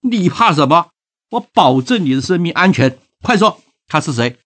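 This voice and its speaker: A man's voice: medium pitch, sing-song, unhurried, breathy edge, heavily acted. A man voicing a bold, hot-tempered young strongman in a told folk tale. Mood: commanding. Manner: forceful, commanding speech.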